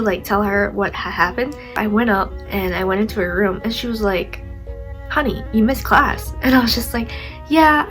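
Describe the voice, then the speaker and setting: With a medium-pitched, fairly bright voice and a stuffy nose, a young adult woman vlogger rambles through a casual storytime, full of "like" and jokes at her own expense. The recording is rough.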